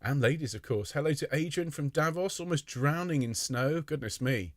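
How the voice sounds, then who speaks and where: A man's voice: fairly high pitch, lively intonation, moderate pace, no room sound, clean studio sound. Chatty man leading an online choir. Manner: friendly, jokey, greets people by name. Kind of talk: chatty welcome to a live online rehearsal.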